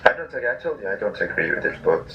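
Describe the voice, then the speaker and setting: A man's voice: lowish voice, sing-song, racing, bright, forceful tone. A man from Israel talking on a video chat, answering hesitantly and restarting his sentences. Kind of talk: casual argument. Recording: dull video-chat audio with faint noise.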